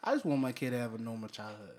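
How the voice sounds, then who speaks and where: A man's voice: mid-range voice, animated, racing, a little mellow. Guy chiming in on a podcast, bit hesitant, medium voice. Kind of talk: casual chat.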